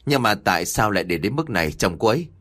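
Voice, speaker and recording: A man doing a calm, measured doctor. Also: on the low side. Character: calm middle-aged male doctor, measured.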